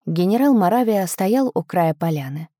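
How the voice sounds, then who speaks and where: A woman narrating a first-person audiobook story expressively, with her pitch swinging up on lively moments. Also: moderate pace, dry recording, studio quality.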